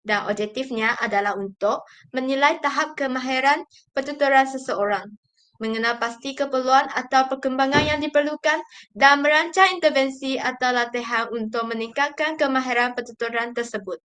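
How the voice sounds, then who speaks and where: A young woman student reading a prepared class presentation in a steady, even way. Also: sits high, moderate pace.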